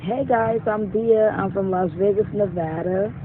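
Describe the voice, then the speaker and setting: A woman from Guyana gives a relaxed, breezy channel promo. Her voice comes through tinny and phone-like, and she keeps the tone easygoing. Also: mid-range voice, measured pace, slight background noise. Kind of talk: short promo message.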